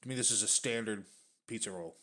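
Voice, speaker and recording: Brisk and sharp-toned, a man with a fairly low voice reviews snack foods casually on his stream. He's chatty, fills his talk with fillers, and at times speaks while chewing.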